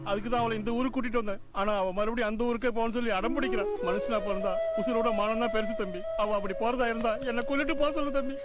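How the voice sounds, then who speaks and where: A man's voice: extremely high pitch, racing, hardly any pauses. A man playing a proud middle-aged father. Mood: earnest. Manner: proud, earnest pleading. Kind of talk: dubbed film acting. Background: loud film music.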